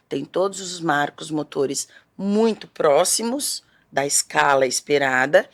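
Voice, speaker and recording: Lower-pitched woman explaining patiently. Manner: didactic, explains step by step with frequent "né?". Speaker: speech therapist guest. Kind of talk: explanatory interview talk.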